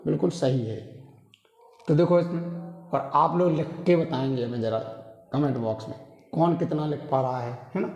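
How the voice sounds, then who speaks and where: A man giving a pronunciation lesson in a repetitive, drilling way, often checking in with his listeners. His voice is mellow and a little high. It is recorded in a roomy space with a long, hall-like echo. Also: dull audio. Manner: repetitive, drilling, frequent tag questions. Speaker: English pronunciation teacher. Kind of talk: classroom-style lesson.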